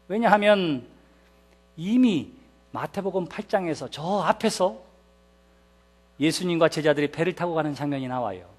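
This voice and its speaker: A male pastor preaching a sermon at a church service, emphatic and putting rhetorical questions to the congregation. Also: high-pitched.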